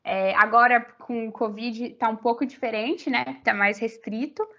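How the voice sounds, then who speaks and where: A young Brazilian woman, a university student appearing as a podcast guest, chats casually in an interview with a Brazilian Portuguese accent. Her voice sits on the high side and sounds a bit bright, and she speaks a little slowly, filling her talk with fillers and rambling restarts. The audio is slightly muffled.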